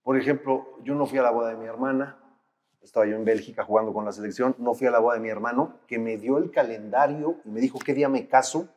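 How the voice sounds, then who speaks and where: A man's voice: mid-range voice, fairly even intonation, quick pace, a little mellow, in a large hall. A Mexican man hosting a casual chat, speaking in a reflective, conversational way. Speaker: host.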